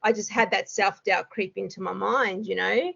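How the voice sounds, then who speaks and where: A woman's voice: medium pitch, steady tone, moderate pace, gravelly, bright, forceful tone, breathy edge, lo-fi sound. A woman, a hypnosis student, chatting casually in an interview with lots of fillers and frequent laughs.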